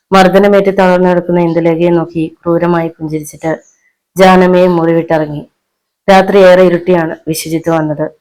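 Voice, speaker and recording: A woman from Kerala reading a family thriller novel aloud as an audiobook, in a steady, dramatic storytelling manner. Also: fairly low pitch, poor audio. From Kerala, India. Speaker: audiobook narrator. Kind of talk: scripted novel narration.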